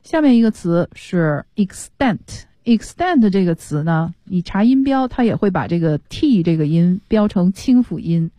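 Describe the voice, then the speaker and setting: A woman teaches English on a radio program, walking through each word's pronunciation with patience. Her voice sits a little low and sounds mellow. The studio sound is dry and close. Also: sing-song, a little slow, few pauses, dry recording. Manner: patient, explains pronunciation step by step.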